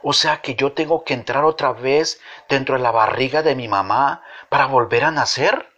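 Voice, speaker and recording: A man's voice: mid-range voice, moderate pace, a bit bright, natural voice. A man voicing an innocent small boy who asks puzzled, earnest questions. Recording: dull lo-fi recording.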